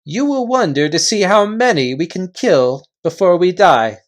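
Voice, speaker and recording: A proud little mouse knight from a storybook, acted out by a reader. He is fierce and gallant, speaking slowly and formally with dramatic rises in pitch. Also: lively intonation, natural voice. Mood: indignant, threatening. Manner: formal, courtly, deliberate.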